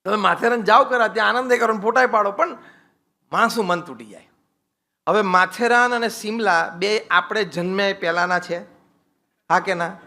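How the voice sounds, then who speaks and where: A man, a swami, giving a humorous religious discourse on married life, lively and teasing, slipping English phrases into his talk. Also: sits high, normal speed.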